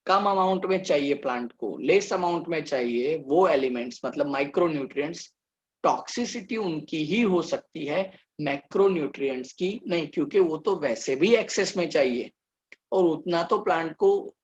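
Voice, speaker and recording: A man teaching a biology lecture, reading slide lines out slowly and then explaining them step by step. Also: a little high, dull audio.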